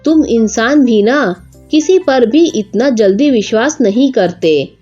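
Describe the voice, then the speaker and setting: A woman's voice: a little high, lively intonation, takes it slowly, a little mellow, slightly rough, lo-fi sound, faint music behind, full character voice. A woman voicing a benevolent magical talking cooking pot that speaks solemnly, in a storybook tale.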